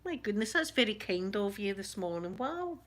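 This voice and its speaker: A woman's voice: medium pitch, big pitch swings, normal speed. Chatty Glaswegian woman on a live stream. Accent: Glaswegian Scottish. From Scotland. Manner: chatty, warm greetings to viewers, frequent laughs and self-interruptions. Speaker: ASMR channel host reading live chat. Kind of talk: casual live-stream chat.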